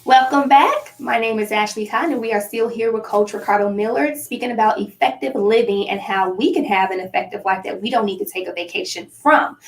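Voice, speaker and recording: A woman hosts a talk show in a mid-range voice. She speaks in an encouraging, faith-based way. The sound is roomy and picked up from a distance. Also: medium pitch. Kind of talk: conversational talk show hosting.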